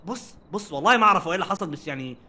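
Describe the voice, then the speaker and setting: A young man speaks with an Egyptian Arabic accent in casual let's-play commentary. His delivery is rapid and his tone bright and sharp, pitched a little high. He jokes and talks straight at the game's characters. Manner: animated, jokey, talks to game characters. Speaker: gaming streamer.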